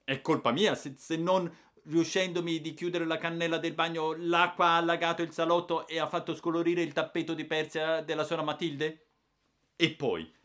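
A man's voice: fairly high pitch, fairly bright tone, voice pushed up, close to an everyday voice. A man reading aloud and voicing a cheeky young boy who argues back indignantly against the grown-ups. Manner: indignant, pleading tone. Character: cheeky young boy, defiant and self-pitying. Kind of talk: audiobook character voice.

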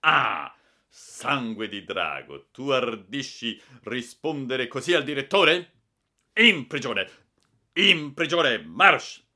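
A man voicing an irate older male school director with a grey mustache, thundering and shouting orders. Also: medium pitch, sing-song, takes it slowly, pitched above the performer's own voice, heavily acted. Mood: furious shouting.

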